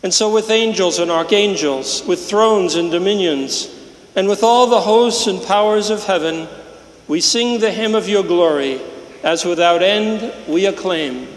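A man serving as priest at Mass, intoning liturgical prayers in a measured, solemn way, with the sound of a cathedral echo. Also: high voice. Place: large church. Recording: roomy church with long reverb.

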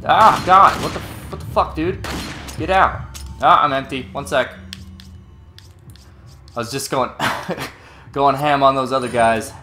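A man giving casual, excitable commentary while playing a game and swearing when panicked. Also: medium pitch, unhurried, long pauses. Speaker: let's play gamer. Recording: loud game music behind the voice.

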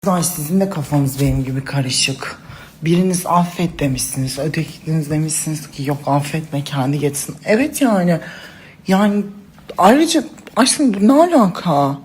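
A woman's voice: low-pitched, normal speed, a little mellow, a little hiss or hum. A woman talking to her followers in casual phone story clips, dramatic and gushing, calling them princesses and girls. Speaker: social media personality.

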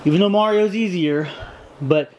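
A man in his thirties records a late-night vlog in a small hotel room, holding the camera close to his face. His voice sits a little high, and he drags through sleepy, rambling sentences full of ums. A faint background hum runs under the recording. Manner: slow, tired, rambling with many fillers. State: very tired. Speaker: vlogger. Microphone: handheld camera close to face.

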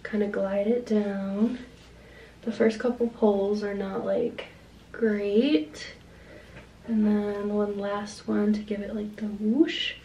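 This vlogger, a Long Island native in her twenties with the local American accent, rambles through a casual vlog chat at home, full of "like" fillers. She speaks slowly at medium pitch with fairly even intonation and a warm tone, recorded far from the mic with dull audio and slight hiss or hum. She begins in a small indoor room, then moves to her home kitchen.

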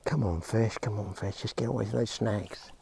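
A man's voice: on the low side, fairly even intonation, normal speed, creaky, warm tone, slight background noise. A man vlogging outdoors by a lake, chatting straight to his viewers as he fishes. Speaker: fishing vlogger. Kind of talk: casual outdoor commentary.

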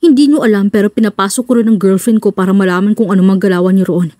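A woman voicing a protective, wealthy young husband who speaks firmly and a bit lower, in an audiobook. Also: fairly even intonation, very fast, mellow, dry recording, studio quality, close to an everyday voice. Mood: stern. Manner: firm, commanding.

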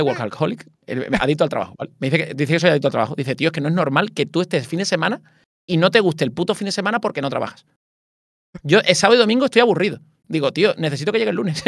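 Fast-talking man, swears a lot. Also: on the high side, no room sound, studio quality. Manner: swearing, animated and self-mocking. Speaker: streamer and interview guest. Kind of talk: casual interview chat.

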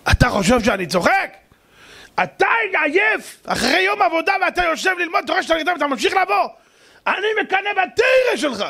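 A fearsome old rabbi, nearly deaf, who fires blunt questions in a booming voice, as a preacher puts him on. He stays gruff even when he gives praise. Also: heavily acted. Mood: insistent. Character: stern elderly rabbi, nearly deaf, shouts.

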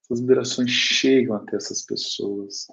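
A man's voice: medium pitch, steady tone, normal speed, fairly bright tone. A Brazilian man giving a spiritist lecture, telling a personal story with earnest feeling and often turning to speak directly to his listeners. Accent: Brazilian Portuguese. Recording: dull lo-fi recording.

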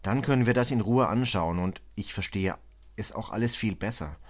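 A man voicing a calm, patient male police detective who speaks steadily and reassuringly. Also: on the low side, moderate pace, highs cut off, lightly acted. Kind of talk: audiobook reading.

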